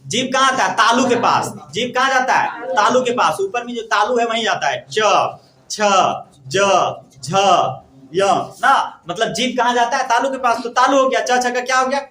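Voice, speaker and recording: A male teacher drilling a lesson, asking questions and answering them himself with steady repetition. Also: very high voice, brisk, hardly any pauses. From India. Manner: asks questions and answers them himself, repeating each point. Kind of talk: classroom grammar lesson. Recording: echoey room.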